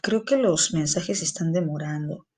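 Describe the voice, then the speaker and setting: A woman teacher, giving an online class, explaining slowly and repeating phrases for her students. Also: low voice, a little mellow, a little hiss or hum.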